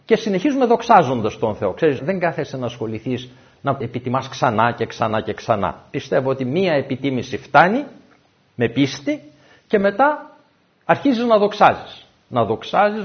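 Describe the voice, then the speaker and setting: Male preacher, lively storytelling sermon, muffled lo-fi sound. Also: medium pitch. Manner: animated storytelling, acts out dialogue. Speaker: pastor. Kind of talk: sermon with personal stories. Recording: dull lo-fi recording.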